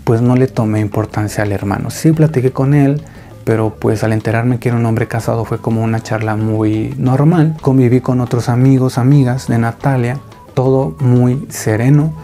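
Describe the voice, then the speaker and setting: A man's voice: mid-range voice, steady tone, moderate pace, mellow. A man narrating a listener's story in a conversational way, speaking directly to his audience. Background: faint background music.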